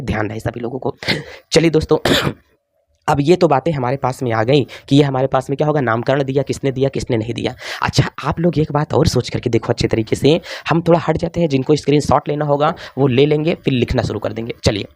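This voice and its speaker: Male lecturer with a north Indian Hindi accent, slightly high voice, chatty and coaxing, dry room. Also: a little mellow, dry recording. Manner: chatty, repeats questions to students, coaxing. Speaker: chemistry teacher. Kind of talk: classroom lecture at a board.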